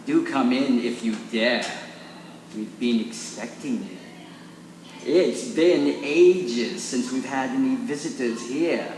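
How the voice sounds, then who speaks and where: A man's voice: mid-range voice, a little mellow, slight background noise. A man voicing a sinister, genteel ghost who hosts a haunted manor, heard as a prerecorded sound effect played through small speakers. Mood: sinister welcome. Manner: slow, theatrical, mock-polite welcome with a trailing cackle. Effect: prerecorded sound effect played back through small speakers. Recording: echoey, reverberant playback heard from a distance.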